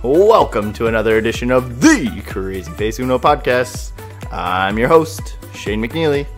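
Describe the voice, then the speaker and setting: A man's voice: medium pitch, sing-song, unhurried, soft background music. A man hosting a casual podcast interview, upbeat and enthusiastic, with frequent fillers. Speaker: podcast host.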